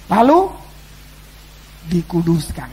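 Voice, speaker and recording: Animated preacher, loud then hushed. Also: male voice, high voice, takes it slowly, husky, rough recording. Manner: animated, swinging between loud exclamations and quiet asides; addresses the congregation as "saudara". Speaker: pastor. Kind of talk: sermon. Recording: faint background noise and hum.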